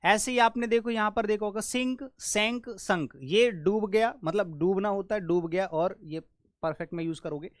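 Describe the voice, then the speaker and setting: A man's voice: sits high, moderate pace, no room sound, clean studio sound. A man with an Indian accent teaching an English grammar lesson in Hindi, quizzing his students with repeated questions as he explains each word.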